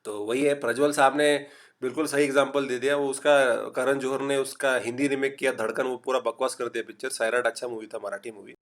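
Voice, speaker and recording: This online lecture comes from a Maharashtrian man with a mild Marathi accent and a steady, medium-pitched voice. Talkative and mixing in English, he reads students' typed replies aloud and urges them to respond quickly.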